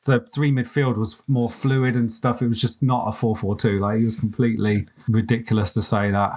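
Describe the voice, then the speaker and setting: A man's voice: mid-range voice, little pitch movement, a little fast, darkish tone. A man co-hosting a podcast, chatting casually about a film with lots of "like" fillers. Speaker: podcast co-host. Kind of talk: casual film review chat.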